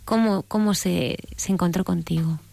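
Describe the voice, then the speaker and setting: A woman radio host asking an interview guest questions in a measured way, with frequent tag questions. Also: fairly low pitch, vocal fry, mellow.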